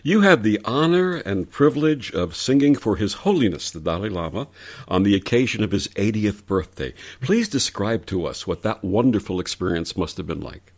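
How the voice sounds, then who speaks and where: A man's voice: fairly low pitch, lively intonation, normal speed. A man hosting a conversational interview in an effusive, emphatic and wordy way.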